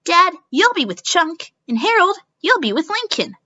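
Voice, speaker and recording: A woman's voice: very high-pitched, big pitch swings, normal speed, sharp tone, muffled recording, voice pushed up, heavily acted. A woman voicing a playful, teasing cartoon girl who hosts a game show, with hammy, stagy delivery, in a dramatic reading. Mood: showy, upbeat.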